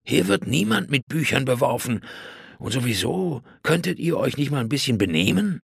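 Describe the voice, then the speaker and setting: A man's voice: mid-range voice, sing-song, moderate pace, vocal fry, breathy edge, dry recording, studio quality, pitched above the performer's own voice, exaggerated voice. A man doing a prim, fussy old uncle. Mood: scolding. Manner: prim, scolding, sighing.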